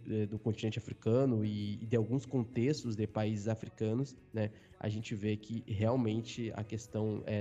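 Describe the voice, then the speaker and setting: A man's voice: lowish voice, dark tone. A man co-hosting a podcast, talking things through in a reflective way with restarts and fillers. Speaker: podcast co-host. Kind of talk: casual discussion.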